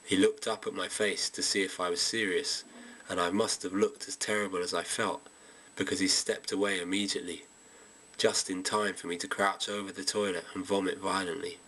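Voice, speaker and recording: A man reading a first-person story aloud in a steady storytelling manner. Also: low voice, normal speed, low-quality recording. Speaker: reader. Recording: amateur home reading.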